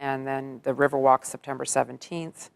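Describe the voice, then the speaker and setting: This middle-aged entertainer and singer has a very deep, gravelly voice with a steady tone and moderate pace. Chatty and quick to laugh, she speaks upbeat about her entertainment work in a relaxed interview.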